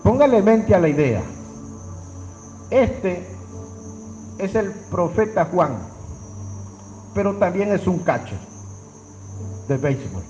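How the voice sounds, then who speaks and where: Very animated yet slow, with long pauses, this man's warm voice comes through a lo-fi recording over faint music. Preaching a sermon, he plays out dialogue dramatically, his pitch leaping suddenly, and he turns to the congregation to have them repeat his words.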